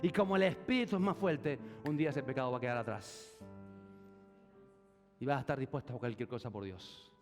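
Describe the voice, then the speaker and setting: A man preaching a sermon as pastor into a microphone, swinging between hushed low lines and loud calls to the congregation. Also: a little fast, faint music behind. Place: large church hall. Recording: long church hall reverb.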